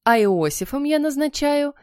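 A strict, bossy schoolteacher, as a woman reader puts her on, handing out commands that brook no argument. Her voice swings widely in pitch, and the storybook recording is dry and close. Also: expressive, moderate pace, a little mellow, no room sound. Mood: commanding.

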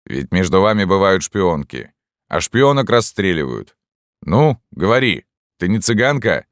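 A man's voice: sits low, very animated, unhurried, dry recording, studio quality, voice pushed up. A man reading an audiobook plays a stern, bearded army sergeant who asks curt, demanding questions. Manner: gruff, interrogating, curt. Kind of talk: audiobook narration.

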